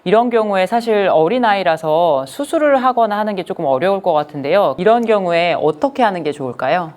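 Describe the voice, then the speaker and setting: A woman professor on a medical panel, posing a question in a measured way. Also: fairly low pitch, lively intonation, darkish tone. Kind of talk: panel discussion.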